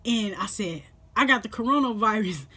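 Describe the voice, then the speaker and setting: A woman's voice: medium pitch, expressive, normal speed, pushed and bright, husky. A young woman vlogging at home as she eats, chatting in a rambling way and laughing often, recorded by a camera on the table. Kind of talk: casual mukbang chat. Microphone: camera set up on the table.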